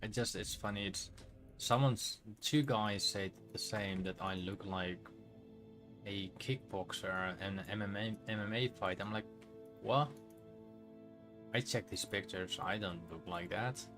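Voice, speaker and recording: A man's voice: on the low side, a little slow, music in the background. A man from the Netherlands with a Dutch accent, chatting casually and rambling while he streams a game. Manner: relaxed, rambling, self-correcting.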